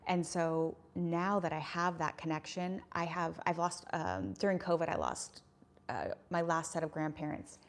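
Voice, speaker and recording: A woman in her thirties, her voice low and creaky, hosts a laid-back YouTube livestream at a moderate pace. She reads comments from viewers and rambles earnestly, leaning heavily on fillers.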